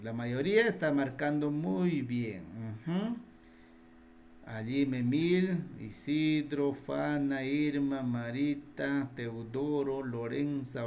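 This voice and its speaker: A man whose mid-range voice has a darkish tone explains Quechua spelling to students online, speaking Peruvian Spanish over a video call with slight background noise. He goes over points again patiently and tests the class with questions.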